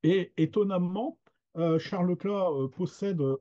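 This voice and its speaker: A man's voice: high-pitched, a little slow, warm tone. A man giving an unscripted webinar talk, hesitant and full of fillers and restarts. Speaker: webinar presenter on regional literature. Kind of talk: unscripted lecture. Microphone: video call. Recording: dull lo-fi webinar audio.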